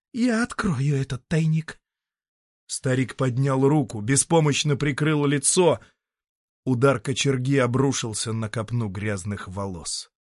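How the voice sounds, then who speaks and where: A man narrating an audiobook in a dramatic, expressive storytelling manner. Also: mid-range voice, no room sound, studio quality. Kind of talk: scripted narration.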